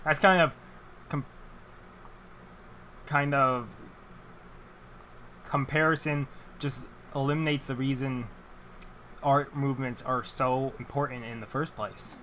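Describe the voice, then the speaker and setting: A man's voice: medium pitch, steady tone, takes it slowly, pauses often, pushed and bright, slight background noise. A man voicing an earnest, argumentative art-snob dad in a game read-aloud, with a fan running. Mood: earnest, exasperated.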